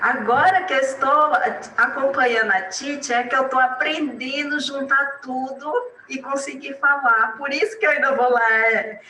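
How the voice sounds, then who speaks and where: A woman with a Brazilian Portuguese accent, a student answering her teacher briefly and softly. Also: high-pitched, fairly even intonation, moderate pace, roomy sound, far from the mic, slight background noise, poor audio.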